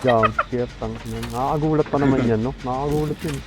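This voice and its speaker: A man chatting casually while playing an online horror game with friends, swearing and shouting at sudden moments. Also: medium pitch. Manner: excitable, quick shouts during play. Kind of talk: casual gaming chat with swearing.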